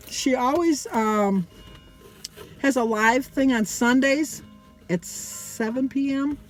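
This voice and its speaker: A middle-aged or older woman vlogger chatting casually to her viewers, rambling and often breaking off mid-sentence. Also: fairly high pitch.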